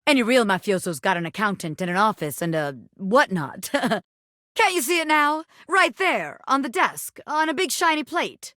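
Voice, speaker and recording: Brash, high-pitched gangster bobby pin. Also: female voice, very animated, moderate pace, a bit bright, dry recording, clean studio sound. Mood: boastful, flirty. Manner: cocky, street-tough wiseguy talk full of slang. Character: brash, flirty bobby pin gangster, scheming criminal mastermind. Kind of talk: animated video game character acting.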